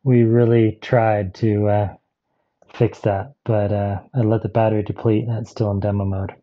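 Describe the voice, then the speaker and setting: A man's voice: fairly low pitch, flat delivery, moderate pace, lo-fi sound. A man chatting casually through a gadget review vlog, rambling with asides as he tries out devices.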